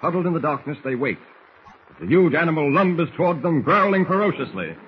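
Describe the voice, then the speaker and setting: A man's voice: on the high side, expressive, a little fast. A man narrating an old radio adventure serial in a dramatic, formal announcer's style. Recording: muffled, hissy old radio recording.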